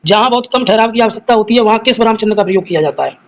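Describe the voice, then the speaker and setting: A man's voice: sits high, rapid-fire, poor audio. A man teaching a live grammar class, reading each quiz question and its options aloud, then explaining the answer and addressing his students fondly as children.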